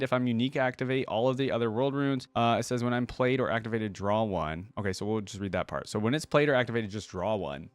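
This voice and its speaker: In a dry recording, a man with a mid-range voice reacts to a video, chatting informally, thinking aloud and reading snippets from the screen while the video's music plays in the background.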